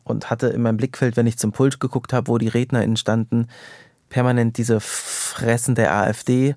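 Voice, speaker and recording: A man's voice: mid-range voice, flat delivery, moderate pace, a little mellow, no room sound, studio quality. A man chatting as a podcast guest, candid and rambling, with frequent fillers and restarts. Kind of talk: casual podcast conversation.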